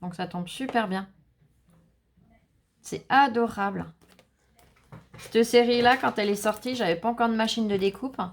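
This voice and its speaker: A woman vlogger chatting casually to viewers while opening a scrapbooking parcel, gushing and enthusiastic with a slightly gravelly voice. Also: fairly high pitch, normal speed, long pauses. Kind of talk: casual unboxing chat to viewers.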